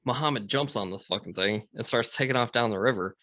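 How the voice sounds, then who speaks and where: A man's voice: medium pitch, quick pace, pushed and bright, dry recording. A man from the United States hosting a podcast, telling a long story in casual, rambling talk with lots of fillers and swearing. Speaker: podcast host.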